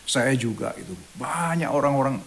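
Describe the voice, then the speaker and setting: A man's voice: mid-range voice, animated, normal speed, vocal fry, slight background noise. A man preaching a sermon as pastor, reading verses and switching into English, with a frequent "ya" between phrases and a dramatic raised voice when he quotes. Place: church online service.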